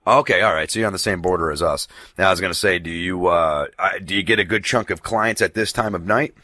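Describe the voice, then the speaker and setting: A man with a raspy voice hosting a radio show, joking around in loose, crude banter with his guest. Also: low-pitched, quick pace, pushed and bright, no room sound, clean studio sound. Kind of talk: casual radio interview.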